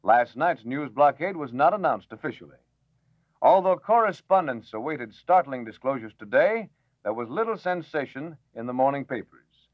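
Man, radio newsreader, measured formal announcing, old newsreel-style broadcast, dull lo-fi sound. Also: mid-range voice, animated, no room sound. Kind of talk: formal 1940s radio news bulletin.

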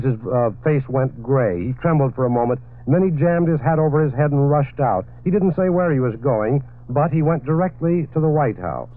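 A man's voice: mid-range voice, phone-quality sound. A man delivering a 1940s radio news bulletin, reading steadily with an occasional filler, heard as an old radio broadcast.

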